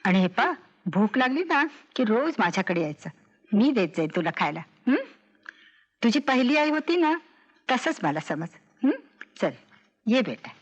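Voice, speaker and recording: A woman's voice: on the high side, very animated, measured pace, long pauses, lo-fi sound. A loving mother. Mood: tender. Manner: gentle, emotional, tearful at parting. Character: loving middle-aged mother, tender and kindly.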